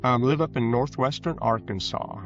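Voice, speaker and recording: An American man in his sixties from rural Kansas, an author and former police officer, answers interview questions casually in a hesitant, halting, folksy way. His voice is medium-pitched and a bit bright, with soft background music and a roomy, dull lo-fi sound.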